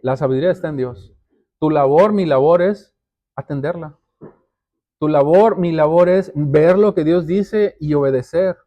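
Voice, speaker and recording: A man's voice: fairly high pitch, normal speed, lo-fi sound. A man preaching a sermon as pastor, speaking earnestly to the congregation and often repeating words as he builds a point. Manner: addresses listeners directly as brothers and sisters.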